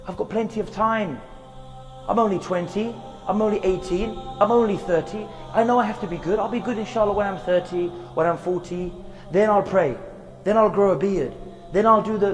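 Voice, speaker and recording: A man's voice: high-pitched, darkish tone, big-room sound. A man giving an earnest religious reminder outdoors in a graveyard, repeating phrases for emphasis and reciting verses. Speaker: Islamic preacher.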